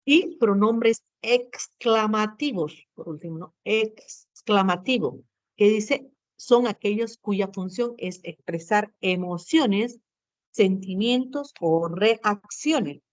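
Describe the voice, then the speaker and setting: A woman's voice: medium pitch, slow pace, no echo, muffled recording. A woman teacher giving a grammar lesson to students, explaining step by step, often adding tag questions and fillers.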